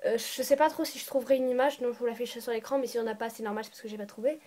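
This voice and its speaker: Chatty, high-voiced woman telling a story. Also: steady tone, very fast, warm tone. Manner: rambling, chatty, often restarts and corrects herself. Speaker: storytime vlogger. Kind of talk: casual storytime narration. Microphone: phone or tablet voice recording.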